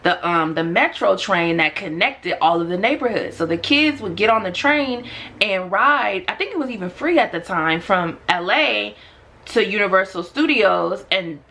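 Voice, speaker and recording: An American woman telling a casual, animated personal story in a slangy, sassy, emphatic way, sounding a little tipsy. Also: mid-range voice, moderate pace. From Los Angeles, United States. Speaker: storytime vlogger.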